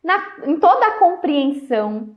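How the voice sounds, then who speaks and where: A woman talking casually on a live stream, chatty, laughing often and trailing off softly at the ends of phrases. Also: high voice, very animated, measured pace. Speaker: host. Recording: dull lo-fi live-stream audio.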